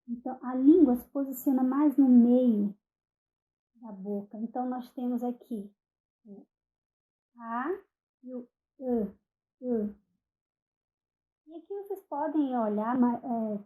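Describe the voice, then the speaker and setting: A woman with a Brazilian Portuguese accent giving a recorded online phonetics lecture, speaking deliberately, spelling out example words one at a time and checking in with "ok?". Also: on the high side, warm tone, low-quality recording. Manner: frequent "ok?" check-ins and self-corrections. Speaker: university lecturer.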